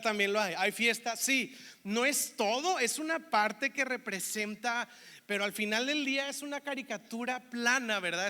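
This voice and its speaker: A man's voice: sits high, bright, forceful tone, in a large hall. A man with a northern Mexican accent from Monterrey, preaching a sermon in a chatty way and often asking "¿verdad?". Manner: conversational, keeps asking "¿verdad?". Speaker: pastor.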